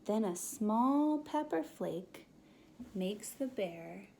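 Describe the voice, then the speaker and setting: A woman preschool teacher reading a children's picture book aloud, expressive and sometimes whispering. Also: mid-range voice, vocal fry, a little hiss or hum. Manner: expressive, drawn-out storytelling with whispered bits.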